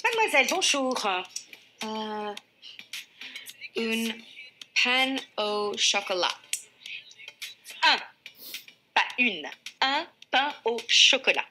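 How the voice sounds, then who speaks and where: A woman's voice: fairly high pitch, big pitch swings, drawn-out words, pauses often, sharp tone, faint music behind, full character voice. A woman acting out polite customer and clerk voices in a French bakery skit. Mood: polite, chirpy.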